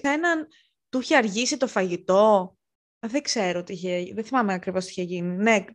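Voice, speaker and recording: A young woman co-hosting a podcast, telling work stories in a lively way and acting out what people said. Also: fairly high pitch. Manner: animated, acts out quotes of rude customers. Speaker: podcast co-host. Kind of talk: casual chat, storytelling.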